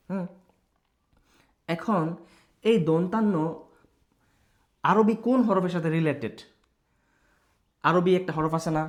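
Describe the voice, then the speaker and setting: A male teacher giving a patient children's reading lesson, asking questions, answering them himself and mixing in English words. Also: fairly high pitch. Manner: mixes English words into his speech.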